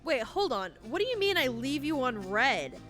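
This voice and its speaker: A woman's voice: high-pitched, big pitch swings, moderate pace, a bit bright, faint music behind. A woman streaming a game, joking and chatting with viewers in casual commentary.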